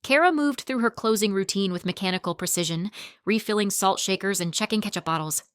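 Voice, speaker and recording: A woman reads a scripted story in a measured, even way. Her pitch sits in the middle range, and the recording is dry and close. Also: clean tone, dry recording. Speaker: narrator.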